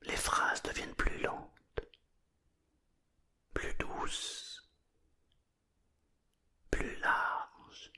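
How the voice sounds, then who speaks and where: A narrator telling a bedtime story in a breathy, murmured whisper, hushed and soothing, with gentle pauses between phrases.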